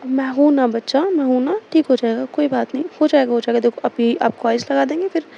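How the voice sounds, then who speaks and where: A woman voicing a caring young woman who is protective and stern, speaking in a soft, soothing tone that turns sharp when she scolds. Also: sits high, brisk. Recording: dull lo-fi recording, faint hiss.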